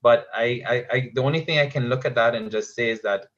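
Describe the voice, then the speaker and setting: A man's voice: medium pitch, brisk, a bit bright. A man, speaking as a guest in a thoughtful conversation and often restarting his sentences. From Caribbean. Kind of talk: reflective conversation. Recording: dull lo-fi audio.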